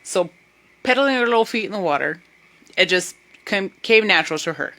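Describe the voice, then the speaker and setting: A woman's voice: mid-range voice, fairly quick. A young woman animatedly telling a comic travel story to her camera. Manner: animated, puts on voices for others. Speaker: vlogger. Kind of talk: casual storytelling.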